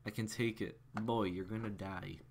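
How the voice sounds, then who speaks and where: A man's voice: on the low side, steady tone, normal speed, creaky, darkish tone, a little hiss or hum. A young man casually reading fan fiction aloud, stumbling over words and correcting himself as he goes. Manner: stumbling, self-correcting, chuckling asides.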